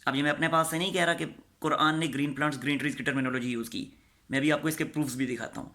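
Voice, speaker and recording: A man with a bright, fairly high voice lays out an argument in a lecture. He keeps pressing his case with rhetorical questions. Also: steady tone. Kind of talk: lecture rebuttal.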